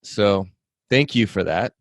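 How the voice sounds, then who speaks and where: Low-voiced upbeat podcast host. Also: male voice, slow pace, a little hiss or hum. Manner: upbeat, friendly, with "man" fillers. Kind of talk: podcast interview.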